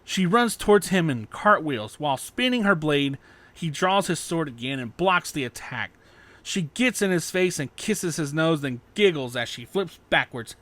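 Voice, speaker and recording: A man reads an action story aloud with dramatic flair, his slightly high voice bright and forceful. His intonation is lively and his pace moderate.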